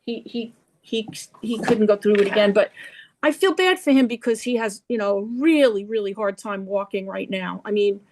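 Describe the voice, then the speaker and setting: A woman's voice: mid-range voice, moderate pace, a little mellow. A woman with a New York accent hosting a casual chat, talking at length in a sympathetic way over a video call. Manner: chatty and sympathetic, talks at length. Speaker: host.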